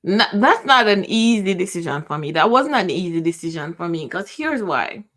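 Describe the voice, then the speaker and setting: A middle-aged Jamaican-accented woman muses aloud on her podcast, her lowish, somewhat bright voice swinging widely in pitch. She's emotional and halting, often stopping, starting lines again, or leaving them to drift off.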